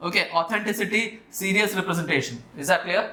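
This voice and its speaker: A Malayali man with a high, bright voice gives an explanatory lesson as a teacher. He speaks didactically, putting questions to the learner as he goes. The room adds a clear echo. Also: extremely slow, a little hiss or hum. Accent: Malayali Indian. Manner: didactic, checks understanding with questions. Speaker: vocabulary teacher for exam students. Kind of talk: explanatory lesson, mixing English terms into speech. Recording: echoey room.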